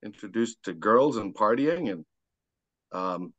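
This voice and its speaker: In casual podcast chat, a South African amateur golfer tells his personal stories in a relaxed, self-deprecating manner. His voice is on the low side and fairly bright, with lively intonation and a slightly slow pace. The dull lo-fi recording is dry, with no room sound.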